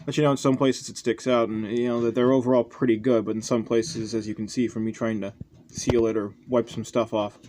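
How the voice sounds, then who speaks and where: Showing off a hobby build, a young toy-customizing channel host talks in a warm, mid-range voice, loose and rambling with plenty of self-deprecation. The homemade recording carries obvious noise.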